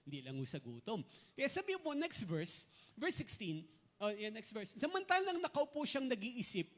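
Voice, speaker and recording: A middle-aged man preaches from the pulpit, his voice riding high and swinging widely in pitch. He rises to loud emphasis, then drops to soft, low asides. He keeps checking in with the congregation and mixes English words into his sermon. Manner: asks the congregation frequent "No?" and "Naintindihan mo ba?" checks. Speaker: pastor.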